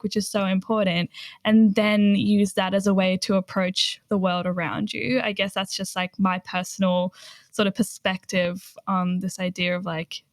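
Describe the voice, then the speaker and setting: A young adult woman hosts a podcast, speaking in a loose, casual way full of "like" fillers. She grew up in Australia. Her mid-pitched voice is recorded dry and close. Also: no echo. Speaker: podcast host.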